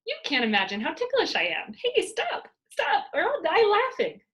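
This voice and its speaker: A woman's voice: extremely high pitch, wildly swooping pitch, moderate pace, a bit bright, highs cut off, voice pushed up, full character voice. A woman voicing a bold, exuberant, mischievous young girl from a children's storybook, playful and cheeky. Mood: shrieking glee.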